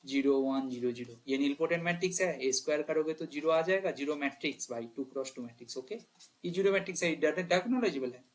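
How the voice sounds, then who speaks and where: Math teacher talking students through problems. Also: male voice, fairly high pitch, fast. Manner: talks to students directly, "bhai" and "clear?", thinks aloud and corrects himself. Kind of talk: exam problem walkthrough lesson.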